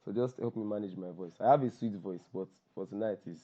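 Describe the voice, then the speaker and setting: Here a Nigerian copywriter running a workshop speaks fast in a fairly low voice worn hoarse by shouting. On this informal group call he cracks jokes at his own expense and keeps repeating things for emphasis. The sound, from an online call microphone, is dull and low-fidelity.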